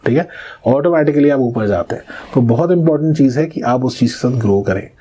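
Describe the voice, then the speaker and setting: A man talks as the astrologer guest on a podcast, laying out his points with examples. His voice is dark and mellow with a slight husk. He keeps checking that the listener is following. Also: mid-range voice, animated, a little fast, breathy edge. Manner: didactic, explains with examples and checks "ठीक है?". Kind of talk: explanatory podcast interview.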